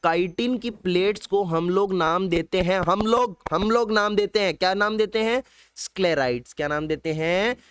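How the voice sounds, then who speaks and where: A man's voice: sits high, moderate pace, few pauses, fairly bright tone, slight background noise. Upbeat Hindi-accented male biology tutor. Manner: quizzes students with repeated questions; drops in playful sung lines. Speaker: biology teacher. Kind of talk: online exam-prep lecture.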